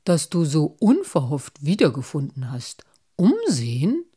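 A woman voicing a calm, thoughtful male gnome in a storybook reading, speaking low, slow and quiet. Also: slightly rough, heavily acted. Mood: measured.

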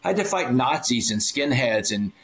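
A man's voice: mid-range voice, animated, moderate pace, fairly bright tone, a little hiss or hum. Earnest man telling his story. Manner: earnest, acts out quoted dialogue, addresses host by name. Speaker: podcast guest, motivational speaker. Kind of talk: storytelling in a conversational interview.

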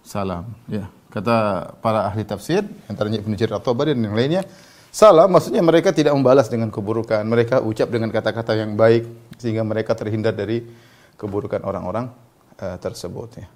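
A man preaching a sermon, slowly chanting Arabic verses and then explaining them in a loose, everyday way with fillers. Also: on the low side, darkish tone. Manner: loose speech with fillers and colloquial asides. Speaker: Islamic preacher. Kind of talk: sermon with Quranic recitation.

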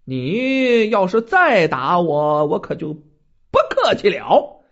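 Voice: mid-range voice, very animated, slow, fairly bright tone, muffled recording, pitched below the performer's own voice, full character voice. A storyteller doing an indignant tipsy scholar. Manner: indignant, blustering.

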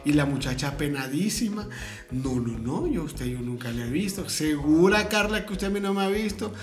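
A man's voice: fairly high pitch, lively intonation, normal speed. A man, co-hosting a podcast and telling anecdotes in casual chat, laughing often. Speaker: podcast co-host. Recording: echoey room with faint music.

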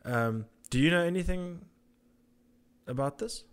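A man's voice: on the high side, measured pace, clear, resonant tone. A man hosting a casual interview. He is chatty and jokey, restarting his sentences and laughing nervously. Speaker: interviewer host.

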